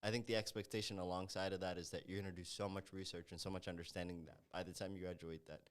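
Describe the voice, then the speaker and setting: A man's voice: sits low, flat delivery, fast talker. A man in his twenties from Ethiopia, co-hosting a podcast in casual chat and laying out his points one after another. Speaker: podcast co-host.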